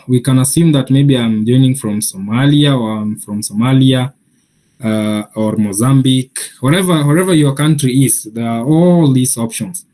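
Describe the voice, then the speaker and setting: A man leads a software tutorial, walking through an account sign-up one step at a time. His voice sits at an ordinary middle pitch. He pauses often and fills the gaps with hesitant "uh" sounds as he explains. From Kenya. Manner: many filler "uh"s and restarts, patient step-by-step. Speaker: trainer. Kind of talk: software training walkthrough.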